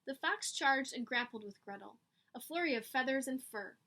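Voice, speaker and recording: High, bright, and forceful, a woman's expressive voice carries a picture book read-aloud for children at a moderate pace. She emphasizes the story dramatically and turns to the kids with teacherly asides.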